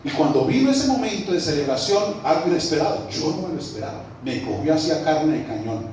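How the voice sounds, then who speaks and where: A man's voice: on the high side, big pitch swings, brisk, darkish tone. A man with a Colombian Spanish accent, a pastor preaching a sermon and telling a story in a conversational way to his congregation in a church hall. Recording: roomy echo, mic at a distance, faint background noise.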